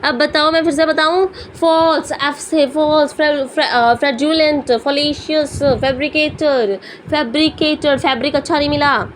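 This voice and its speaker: High-voiced woman teacher drilling words. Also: steady tone, unhurried, few pauses, a little hiss or hum. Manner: repetitive drilling, mixing Hindi and English. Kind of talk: vocabulary lesson.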